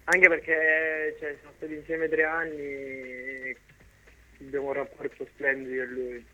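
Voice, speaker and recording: A young man in his twenties comes through on a speakerphone call, his voice pitched a little high. He teases and jokes in casual banter, with a faint hiss behind him. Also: completely flat delivery, measured pace, bright, forceful tone, dull audio. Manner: teasing, playful banter. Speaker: phone-in guest. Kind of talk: casual chat.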